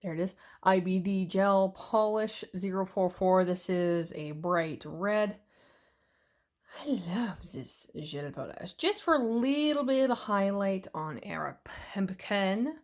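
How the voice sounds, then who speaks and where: A woman's voice: mid-range voice, animated, slow pace, hardly any pauses. A Canadian woman hosting a nail art tutorial, chatting casually and playfully with jokes and silly sounds. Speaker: nail art channel host.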